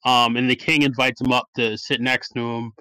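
Chatty man with a bright, dry voice. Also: medium pitch, level tone, moderate pace, clean tone, no room sound, poor audio. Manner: rambling, many fillers and restarts. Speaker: podcast host. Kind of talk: casual movie review chat.

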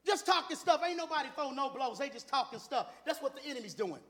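A man delivers a Sunday sermon as a church elder in a voice pitched unusually high. His tone is sharp and forceful. He jokes with the congregation and often climbs into fervent shouting. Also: quick pace. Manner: animated, builds to shouting; playful, teasing asides to the congregation.

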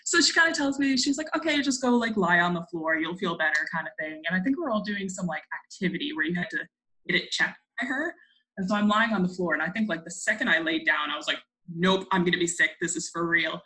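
A woman's voice: fairly low pitch, expressive, fast, bright, forceful tone, a little hiss or hum, rough recording. A young woman telling a childhood story as a podcast guest, giggly and self-deprecating. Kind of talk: casual storytelling chat.

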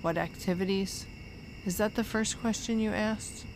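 A woman's voice: medium pitch, steady tone, normal speed, noisy background. A woman hosting a podcast in casual conversation, recorded outdoors in a backyard. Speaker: podcast host.

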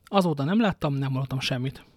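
A man's voice: medium pitch, darkish tone, no room sound, studio quality, close to an everyday voice. A man reading the part of a kindly old witness who recounts a kidnapping and reassures a young man. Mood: recounting. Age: older.

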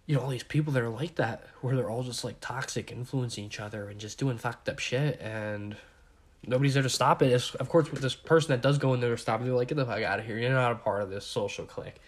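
A man in his twenties talks alone into his podcast mic in a loose rant. He repeats himself and swears freely. He is sick with covid and a little short of breath. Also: mid-range voice. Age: 20s. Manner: rambling, profane, repeats himself. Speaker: podcast host.

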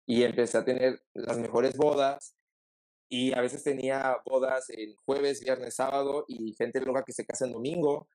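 A man's voice: mid-range voice, fairly even intonation, normal speed, darkish tone, rough recording. A man with a Mexican Spanish accent, a wedding planner guest chatting casually and telling anecdotes with many fillers. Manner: chatty storyteller with lots of fillers. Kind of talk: casual interview chat.

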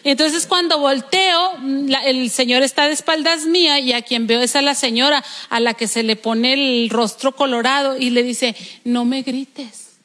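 High-voiced Mexican woman preaching. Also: moderate pace, hardly any pauses, pushed and bright, long reverb tail. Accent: Mexican Spanish. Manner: storytelling, acts out quoted voices. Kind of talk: sermon. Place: church hall.

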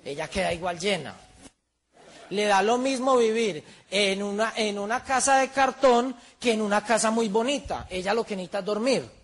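A man's voice: high-pitched, moderate pace. A man giving a motivational seminar talk, firing rhetorical questions at his audience. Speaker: seminar speaker.

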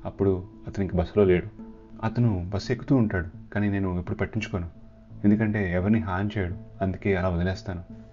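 A man voicing a calm male bus driver who talks in a plain, matter-of-fact way. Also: deep voice, fast talker, natural voice. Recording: slightly dull, soft guitar behind.

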